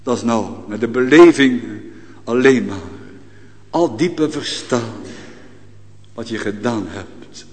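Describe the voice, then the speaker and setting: A man preaching a sermon as pastor, swinging between loud, rising calls and hushed, low passages. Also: takes it slowly, pauses often, slight background noise. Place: church. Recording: long church reverb.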